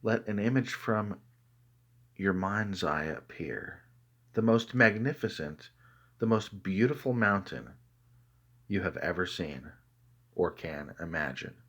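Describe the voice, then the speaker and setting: A low-pitched man guides a meditation, speaking calmly and evenly and leaving deliberate pauses between phrases.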